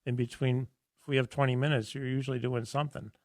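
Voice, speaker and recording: A man hosting a health radio show in a studio, talking in a casual, enthusiastic and rambling way with a hoarse, raspy voice. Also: mid-range voice, flat delivery, quick pace, a little mellow, no echo.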